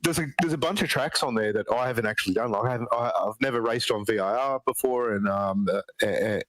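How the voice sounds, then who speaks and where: A man from Australia, a racing driver, talking in a relaxed, rambling way with many fillers after the race. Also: medium pitch, fast talker, no echo, low-quality recording. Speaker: race driver, second place. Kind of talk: post-race interview.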